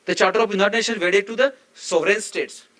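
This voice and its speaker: A man speaks as a professor in a lecture hall. His voice is high for a man and has a bright, forceful edge. He lectures emphatically and partly off the cuff, repeating key phrases and posing rhetorical questions. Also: fairly even intonation, fast. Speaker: professor giving a memorial lecture.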